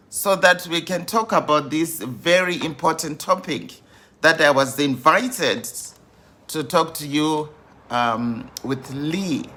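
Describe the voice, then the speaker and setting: A woman in her fifties, a grief coach hosting a live stream, welcoming viewers over and over in an unhurried way with many fillers. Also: deep voice, a bit bright. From Zimbabwe.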